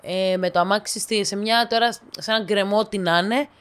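A woman tells funny stories in a relaxed, chatty way. She brings the dialogue to life with sudden jumps up in pitch. Between those she drops into quiet, low asides. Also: clear, resonant tone. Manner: lively, acts out dialogue with sharp pitch jumps. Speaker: storyteller. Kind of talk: casual anecdotal storytelling to listeners.

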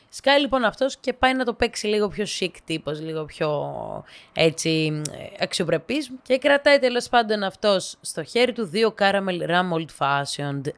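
Relaxed and chatty, a woman tells funny anecdotes to her listeners, animating the dialogue with sudden upward pitch leaps. In between, she slips into quiet, low asides, keeping the whole performance lively.

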